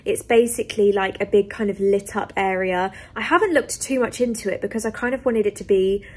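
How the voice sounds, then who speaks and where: A woman's voice: medium pitch, a little fast, husky. A young woman from the UK chatting casually to camera in a travel vlog, full of ums and likes. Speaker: vlogger.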